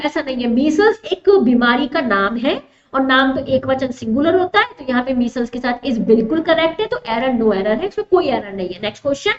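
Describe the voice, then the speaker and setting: A woman teaching English grammar in an online exam-prep lesson, explaining step by step, mixing Hindi with English terms and asking her students questions. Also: sits high. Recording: roomy, dull lo-fi sound.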